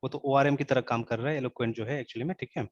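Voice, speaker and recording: Speaking quickly with a steady tone and medium pitch, this instructor runs a casual online programming lesson. He blends in English words and keeps saying "theek hai", captured in flat, dry lo-fi sound.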